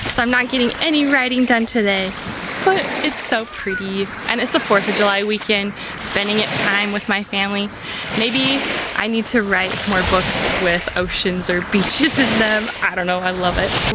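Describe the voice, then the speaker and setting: A woman's voice: medium pitch, moderate pace, heavy background noise. A young woman chatting casually to camera in an upbeat vlog, filmed on a handheld phone. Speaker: author and vlogger. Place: outdoors on a lake island.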